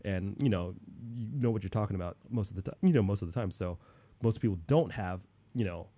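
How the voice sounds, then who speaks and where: A man hosting a casual livestream chat, excitable and loose, calling his guest dude and swearing freely. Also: deep voice, fast talker. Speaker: show host.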